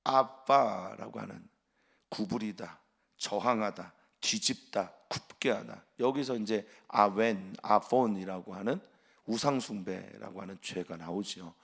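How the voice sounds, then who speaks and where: A male pastor preaching an early-morning sermon, measured and explanatory, trailing off softly at the ends of phrases. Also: on the low side, creaky, breathy edge.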